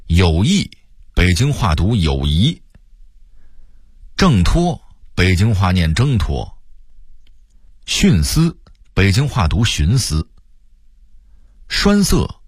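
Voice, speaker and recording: Brief: Beijing-accented male radio storyteller in his sixties, wry, expressive pitch, dry close studio sound. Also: breathy edge, no echo. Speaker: narrator. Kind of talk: reading a personal essay on radio.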